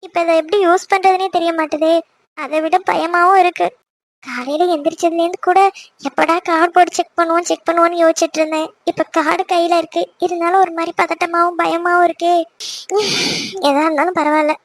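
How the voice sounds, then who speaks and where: A woman plays a young cartoon wife with a very high, girlish voice. She talks in a dry, close recording with no room sound, emotional and bashful with her husband. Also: fairly even intonation, a little fast, no echo. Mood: nervous. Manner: tearful, then coy and teasing. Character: young wife, newly pregnant, emotional and shy. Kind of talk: cartoon voice acting.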